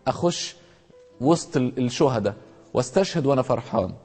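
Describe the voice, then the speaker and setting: A man with an Egyptian accent voicing a young male singer turned steadfast martyr, calm and resolute. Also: medium pitch, fairly quick, close to an everyday voice. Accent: Egyptian Arabic. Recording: long hall reverb, faint music.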